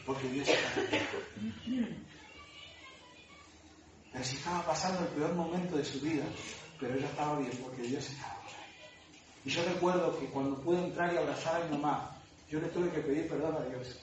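A man's voice: on the high side, quick pace, far from the mic, noisy background. Argentine man preaching in an echoey hall. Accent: Argentine Spanish. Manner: emotional storytelling, voice dropping soft at tender moments. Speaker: pastor. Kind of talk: sermon testimony.

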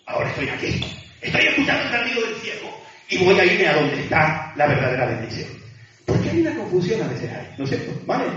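A man's voice: high-pitched, big pitch swings, fast talker, sharp tone. A man preaching a conversational sermon, chatty, checking in with his listeners through tag questions and light laughs. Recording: echoey hall from far off, dull sound.

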